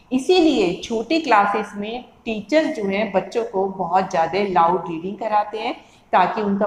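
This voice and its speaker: A woman teacher educator giving a lecture, explaining with everyday classroom examples and repeating key terms in two languages. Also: mid-range voice. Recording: echoey room.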